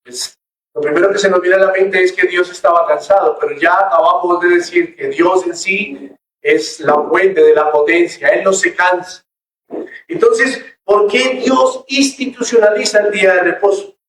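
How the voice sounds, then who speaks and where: A pastor preaching a sermon to his church, slow and emphatic, asking rhetorical questions. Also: sits high, a bit bright, rough recording.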